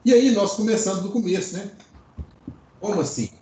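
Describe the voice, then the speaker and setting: A man's voice: sits high, moderate pace, warm tone. A Brazilian man giving an informal online electronics lecture, explaining things and often checking in with short tags. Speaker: electronics teacher. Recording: roomy, echoing online class audio.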